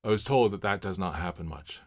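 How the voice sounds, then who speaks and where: Speaking a little fast in a low-pitched voice, a livestream host in his fifties, originally from Miami, chats through viewer comments. He broadcasts casually from his home office, telling rambling stories with many fillers.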